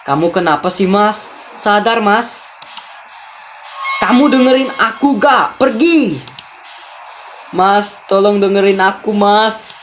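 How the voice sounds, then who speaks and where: A woman's voice: medium pitch, fairly even intonation, a little slow, faint music behind, pitched above the performer's own voice, natural voice. A woman voicing a young wife who pleads with her husband in a raised, tearful voice, reading her lines over a life-sim game. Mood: pleading.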